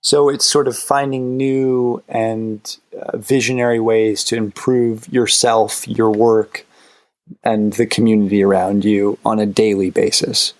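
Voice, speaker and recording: A man's voice: fairly low pitch, little pitch movement, measured pace. Casual male podcast host. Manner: friendly, loose questioning with restarts. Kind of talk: casual interview questions.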